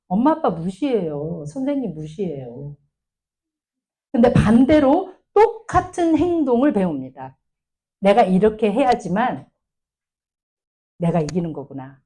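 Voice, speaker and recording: A woman's voice: mid-range voice, breathy edge, rough recording. A woman lecturing a teachers' seminar, acting out what to say to children, with in her speech. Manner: animated, acts out what to say to children. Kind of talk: lecture with acted examples.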